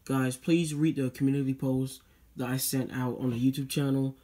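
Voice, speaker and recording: A teen boy runs his YouTube channel from his desk, rambling through a casual unboxing vlog with many fillers and lots of "guys." His voice is middle-pitched and dark, delivered flat at a moderate pace. He keeps coming back to the same requests.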